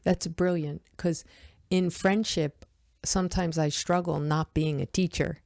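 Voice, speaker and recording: A woman's voice: lowish voice, steady tone, a little slow, creaky, a little mellow, no echo, clean studio sound. A woman who teaches yoga, hosting a reflective podcast conversation and speaking earnestly to her listeners. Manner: earnest, addresses listeners as "my friends".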